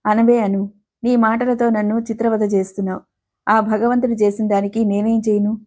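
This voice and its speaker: A woman reading the part of a gentle, ailing middle-aged mother, speaking in a pained, pleading way. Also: mid-range voice, level tone, moderate pace, natural voice. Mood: pained anger.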